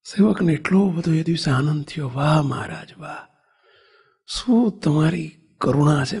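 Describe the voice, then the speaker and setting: Animated, gravelly-voiced preacher man. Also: high voice. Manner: animated storytelling, acts out quotes, asks the audience questions. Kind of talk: devotional sermon to a congregation. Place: temple assembly hall.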